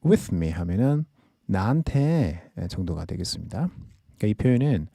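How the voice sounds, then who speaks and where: A man teaching English idioms in a podcast lesson, explaining each phrase slowly and reading examples carefully. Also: low-pitched, very animated, vocal fry, mellow, no echo, clean studio sound.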